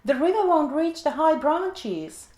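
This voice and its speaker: A woman voicing an excitable, squeaky cockatoo who calls out in a hurried, shrill way, reading a children's storybook aloud in an echoey room. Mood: urgent.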